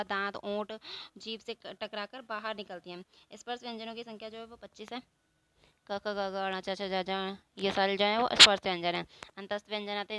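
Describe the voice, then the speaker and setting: A woman's voice: medium pitch, a bit bright, clean tone. A woman teaching a grammar lesson, explaining step by step, asking and answering her own questions and drawing out the example sounds. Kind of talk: spoken Hindi grammar lesson.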